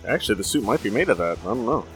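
Male commentary host, fairly low, varied intonation, casual and musing with dry asides. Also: big pitch swings, rapid-fire, soft background music. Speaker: podcast host.

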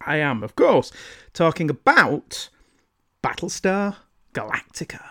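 A man hosting a podcast, reading scripted narration with measured, emphatic phrasing. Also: on the high side, huge pitch swings, fairly bright tone. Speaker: podcast host.

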